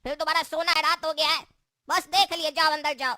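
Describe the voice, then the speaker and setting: Cocky young cartoon hero, brags nonstop, very high bright voice. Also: female voice, fairly even intonation, fairly quick, dry recording, clean studio sound. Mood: brash. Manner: bragging, teasing. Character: boastful cocky young male troublemaker.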